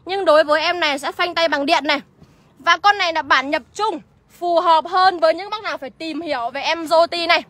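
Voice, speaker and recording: A woman's voice: very high voice, brisk, fairly bright tone, dry recording. A woman with a Northern Vietnamese accent livestreaming from a used car lot, chattily rattling off car features and prices. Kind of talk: livestream sales pitch.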